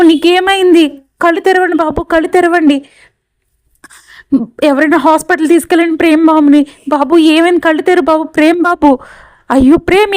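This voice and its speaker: Woman doing a sincere young college girl, high smooth voice, pleading. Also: warm tone, no echo, close to an everyday voice, rough recording. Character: earnest young female college student.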